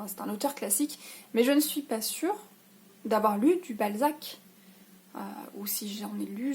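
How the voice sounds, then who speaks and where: A woman's voice: fairly high pitch, a little mellow. A young woman chatting casually about her reading plans, hesitating often with fillers. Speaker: book vlogger. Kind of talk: casual reading-list vlog.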